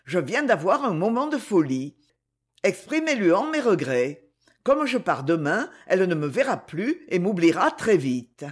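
Guy reading as a cocky rich young charmer, husky, haughty, swings up and down a lot. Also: sits high, big pitch swings, a little slow, full character voice. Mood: ironic. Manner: ironic, haughty, insistent.

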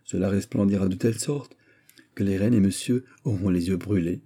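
A man's voice: low-pitched, normal speed, dark tone, slightly rough. A man voicing a young king who banters gallantly in an audiobook reading. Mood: playful. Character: playful, lovestruck young king.

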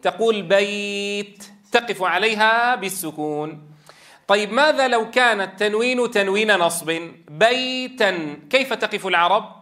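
A man's voice: high-pitched, animated, moderate pace, bright, forceful tone. A man teaching a Quran recitation lesson, explaining patiently, repeating key phrases and drawing out vowels to demonstrate. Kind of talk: tajweed lesson.

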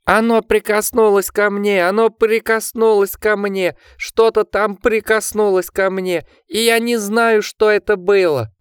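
A man's voice: fairly even intonation, a little slow, few pauses, clear, resonant tone, no echo, clean studio sound. A man reading an audiobook, voicing a frightened teenage schoolboy who shrieks in panic. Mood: panicked. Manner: shrill panicked shrieking at times. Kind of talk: audiobook character voice.

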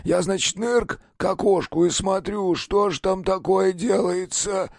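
A cowering drunk peasant witness, put on by a male audiobook narrator, pitched high with a crackly, gravelly edge. His tone is dark and mellow, and the dry recording keeps him close. He talks in rough, folksy common speech. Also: a little slow, no echo, full character voice. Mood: confiding. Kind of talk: audiobook character voice.

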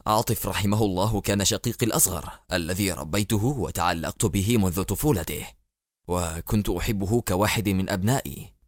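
A man voicing a grave, grieving male president, speaking low, hushed and solemn in a dry audiobook recording. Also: a little fast, dry recording. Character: grave grieving male head of state, firm.

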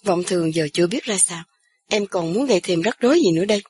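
A woman's voice: fairly low pitch, unhurried, darkish tone, slightly rough, soft background music. A woman voicing a hot-tempered young man who speaks curtly and with irritation. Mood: irritated. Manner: curt, irritated.

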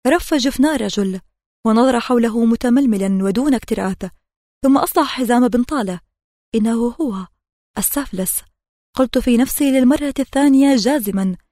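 A woman narrating an audiobook in a measured, steady reading voice. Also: a little high, dry recording, studio quality.

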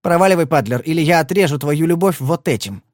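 A man's voice: fairly high pitch, lively intonation, fast, dry recording, studio quality, pitched above the performer's own voice, lightly acted. A male reader voicing a furious young gangster's woman who shrieks and mocks. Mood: shrill, scornful. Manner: shrieking, scornful.

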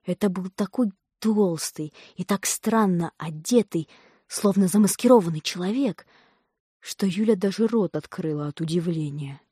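A woman narrating an audiobook in a lively, expressive reading voice. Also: lowish voice, moderate pace, slightly rough, no room sound, studio quality.

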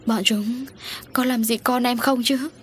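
A woman's voice: a little high, fairly even intonation, measured pace, slight background noise, voice pushed up, close to an everyday voice. A woman voicing a distraught young mother who pleads and wails for her missing child in a storybook reading. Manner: wailing, pleading. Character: grieving young mother, frantic over a lost child.

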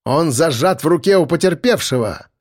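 A man's voice: fairly high pitch, expressive, normal speed. A man voicing a smug, impatient young detective who speaks curtly. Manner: curt, self-satisfied.

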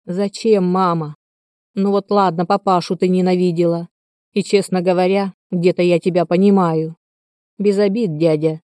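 A woman's voice: lowish voice, normal speed, no echo, studio quality, close to an everyday voice. Woman reading a weary, blunt young man. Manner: weary, flat.

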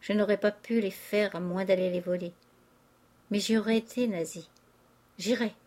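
A woman's voice: medium pitch, fairly even intonation, normal speed, darkish tone, lightly acted. A woman reading aloud, voicing a grief-stricken old father who erupts in anguished rage. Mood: despairing. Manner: anguished outbursts of rage and despair. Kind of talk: audiobook character reading.

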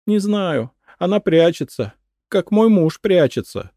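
A man voicing a hysterical, paranoid housewife in an audiobook, with shrill, frantic outbursts. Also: sing-song, a little slow, warm tone, dry recording, clean studio sound. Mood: shrill, unhinged.

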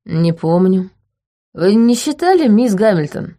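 A woman's voice: medium pitch, very animated, measured pace, mellow. A woman voicing a drunk, arrogant young crown prince with a mocking, slurred drawl.

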